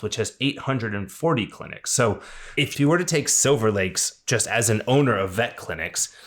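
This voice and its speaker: A man's voice: fairly low pitch, fairly bright tone. A man hosting a veterinary industry news podcast, talking through stories in a casual, conversational way with enthusiastic asides.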